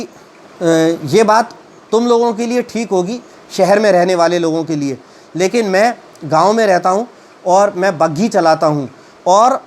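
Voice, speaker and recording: A man teaching a story: he reads English lines slowly, then retells and explains them at a halting pace with many fillers. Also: high voice.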